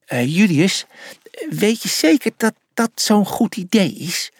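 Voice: medium pitch, lively intonation, takes it slowly, husky, no room sound, voice pushed up, full character voice. A narrator voicing a cautious, clever male animal in a children's storybook, speaking hesitantly. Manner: hesitant, careful.

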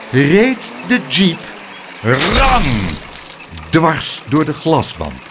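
A man reading a children's storybook aloud in a lively, expressive way. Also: a little high, background noise.

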